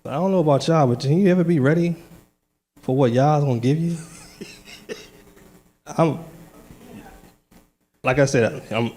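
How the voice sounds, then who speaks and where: A man's voice: on the high side, a little slow, pauses often, darkish tone. A man giving a personal testimony at a church service, casual and earnest, laughing often, turning firm and declarative. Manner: nervous at first, then firm and declaring. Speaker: lay speaker giving testimony. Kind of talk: church testimony and short sermon.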